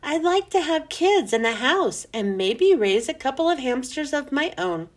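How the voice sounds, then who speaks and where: This is a children's storybook read-aloud in which a woman plays a friendly young male janitor. Her voice sits high and sing-song at a normal speed, and the janitor sounds casual, earnest, and chummy.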